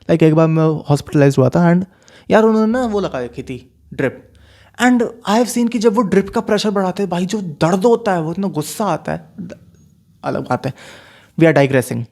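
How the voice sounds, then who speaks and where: A young man casually telling a story from his school days, animated, mixing in English phrases. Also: high-pitched, normal speed. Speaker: storyteller vlogger.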